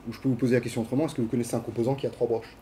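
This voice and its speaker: A man's voice: medium pitch, flat delivery, very fast, warm tone. A man giving a casual classroom lecture, with many fillers, restarts and questions to his students. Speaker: university lecturer. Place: lecture hall.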